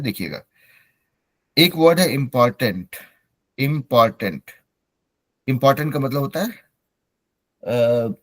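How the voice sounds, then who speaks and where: A man's voice: mid-range voice, no echo. A middle-aged man, a native Hindi speaker, teaching an online English class and mixing Hindi with English as he encourages his students.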